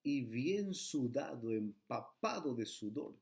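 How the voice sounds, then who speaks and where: Man, mid-pitched, church trainer, earnest preaching delivery. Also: sing-song, slow pace, gravelly, a little mellow. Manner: earnest preacher, rising emphatic phrases, tag questions. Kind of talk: sermon-style training talk.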